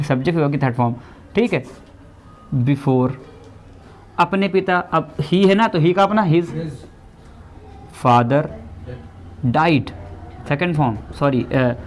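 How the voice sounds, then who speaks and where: A man's voice: high voice, a little hiss or hum. A male teacher giving a classroom grammar lesson, explaining step by step and quizzing the class.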